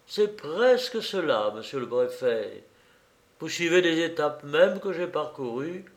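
Calm gentleman detective in a storybook reading, read by a man, slow and measured. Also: on the high side.

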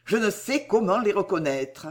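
A man's voice: high voice, sing-song, normal speed. A man reading an audiobook, voicing a remorseful young male lover who declaims in fervent exclamations. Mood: impassioned.

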